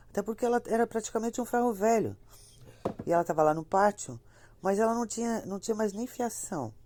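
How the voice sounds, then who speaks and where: A woman's voice: on the low side, dark tone, no echo. A woman with a slight cold, telling a horror story in a chatty, repetitive way and talking straight to her listeners. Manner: chatty, repeats herself, talks to listeners directly. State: has a cold, slightly congested. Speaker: storyteller of ghost stories. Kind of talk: casual spoken horror storytelling.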